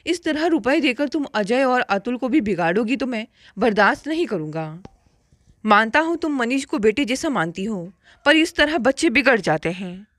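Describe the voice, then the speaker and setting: A woman's voice: a little high, sing-song, normal speed, no room sound, clean studio sound. A woman voicing a stern middle-aged elder brother who lectures firmly in a storybook tale. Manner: firm, lecturing.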